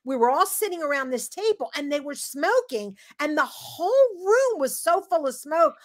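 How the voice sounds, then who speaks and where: A woman in her seventies, a podcast guest, telling lively stories in casual chat. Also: high voice, moderate pace. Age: 70s. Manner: lively storyteller.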